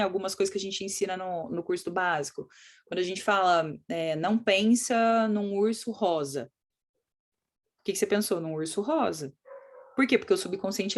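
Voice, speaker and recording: A middle-aged woman with a Brazilian accent, teaching in a lively conversational way, often acting out what children and parents say. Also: medium pitch. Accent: Brazilian Portuguese. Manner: animated, acts out quoted children and parents. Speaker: course instructor.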